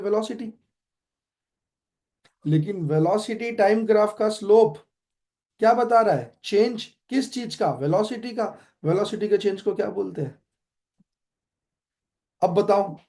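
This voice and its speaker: A young adult man with an Indian accent teaches a physics class online, quizzing his students as he goes and blending Hindi with English. His voice is high with a warm tone.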